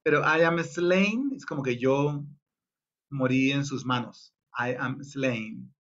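A man's voice: lively intonation, a bit bright, dull audio. A man directing a choir rehearsal, explaining the lyrics and singing phrases to demonstrate them. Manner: explains slowly, sings phrases in falsetto-high demonstrations.

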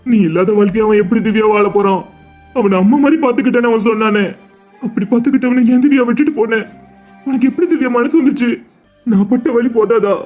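A man's voice: high-pitched, racing, a little mellow, soft background music, lightly acted. [name], a man voicing a grieving young friend. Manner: earnest, pleading, tearful monologue. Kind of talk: cartoon drama voice acting.

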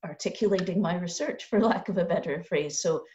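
A woman's voice: fairly low pitch, brisk, mellow. A middle-aged woman who grew up in Canada, a poet and lecturer speaking thoughtfully and academically in an online panel talk from her home. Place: home room with lamp. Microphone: video call. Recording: slightly dull video call audio.

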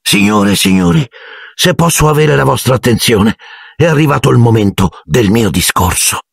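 A man's voice: medium pitch, wildly swooping pitch, a little slow, vocal fry, fairly bright tone, slightly rough, no echo, clean studio sound, pitched above the performer's own voice, full character voice. A man voicing a pompous, touchy ghost nobleman. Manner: stiff, proud and affected.

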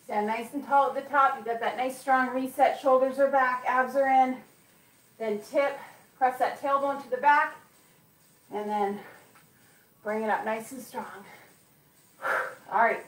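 A woman's voice: high-pitched, steady tone, unhurried, long pauses. A woman fitness instructor coaching a live workout class, encouraging and counting reps aloud, with an occasional cough. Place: gym. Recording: echoey room, mic far off.

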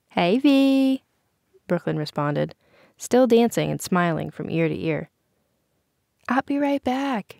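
A woman narrates an audiobook in a steady, scripted storytelling voice. Her tone is gravelly, with a fry running through it. The recording is dry and close, with no room sound. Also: fairly low pitch, no echo.

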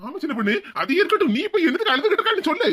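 Woman doing a gentle husband in a cartoon, talks super quick, highish voice, twang. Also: big pitch swings, full character voice. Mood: placating. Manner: placating, soothing. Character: mild-mannered young village husband. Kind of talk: cartoon voice acting.

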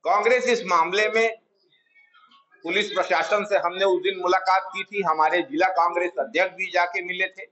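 Middle-aged man, high voice, formal press-statement delivery, measured and insistent, lapel mic indoors. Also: steady tone, bright, forceful tone, low-quality recording. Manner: measured, emphatic, repeats key words for stress. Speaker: Congress party spokesman at a press conference. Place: small office room, indoors. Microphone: clip-on lapel mic, table of press mics.

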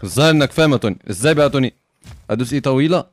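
A man with an Egyptian Arabic accent giving excitable gaming commentary, swearing and dropping in English phrases. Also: mid-range voice, very fast, slight background noise. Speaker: gamer.

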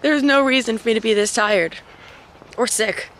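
A young woman vlogging in a casual, chatty way, hoarse from a cold and quick to laugh at herself. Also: on the high side, a bit bright, a little hiss or hum. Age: young adult. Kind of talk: casual vlog chat to camera.

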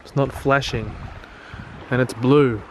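A man's voice: medium pitch, steady tone, takes it slowly, a little mellow, a little hiss or hum. An Australian man talking casually on a travel vlog, blunt and crude, swearing freely and joking about himself. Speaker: travel vlogger.

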